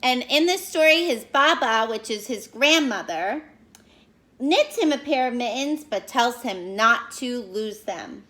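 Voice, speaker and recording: Pausing often to clarify and quiz her young audience, a woman reads from a picture book with expressive, classroom-style delivery. Her pitch is fairly high.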